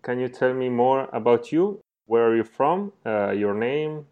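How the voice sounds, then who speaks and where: A man's voice: mid-range voice, animated, unhurried, clean tone, narrow, tinny audio. A male podcast host who reads a scripted introduction and then asks his guest short questions. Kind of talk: interview hosting.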